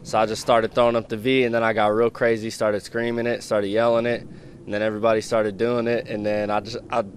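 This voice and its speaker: A man, a ballplayer, rambling excitedly through a story in a casual interview. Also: lowish voice, fast talker, slight background noise. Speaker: baseball player.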